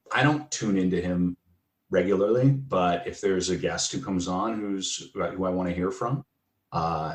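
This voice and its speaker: A man, a guest playwright, telling animated stories in a casual podcast chat and laughing often. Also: sits low. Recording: roomy echo.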